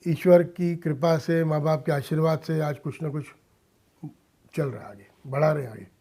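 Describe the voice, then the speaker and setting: A fairly high-pitched man with a dark tone speaks at a moderate pace as an earnest radio interview guest. He is middle-aged, from India, works as a businessman and social worker, and throws English phrases into what he says in the studio.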